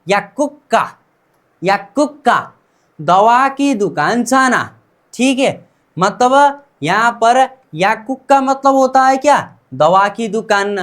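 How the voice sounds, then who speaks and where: A woman's voice: mid-range voice, a bit bright. A woman with an Indian accent teaching Korean pronunciation in Hindi, repeating each word many times and asking her students questions before giving the answer.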